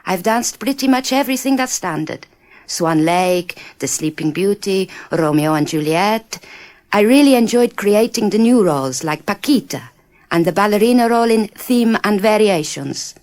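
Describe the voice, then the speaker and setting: A woman's voice: mid-range voice, animated, moderate pace, a little mellow, lightly acted. A woman reading the part of a proud, acclaimed female principal ballerina in a scripted exam monologue.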